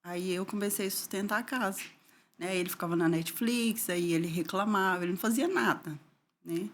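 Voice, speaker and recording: A middle-aged woman from Brazil recounts her own painful past in an interview. She talks at an ordinary middle pitch, and her voice falls quiet and near tears whenever the memories hurt. A faint noise sits under the recording. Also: brisk. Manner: tearful, voice drops low and soft at painful moments. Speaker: interview guest. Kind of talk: emotional personal testimony.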